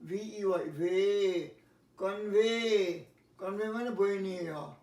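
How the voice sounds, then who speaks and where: A man teaching English pronunciation, spelling words letter by letter and repeating each one slowly. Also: high-pitched, gravelly, a little mellow, far from the mic. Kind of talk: pronunciation lesson. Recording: echoey room, voice from off-mic.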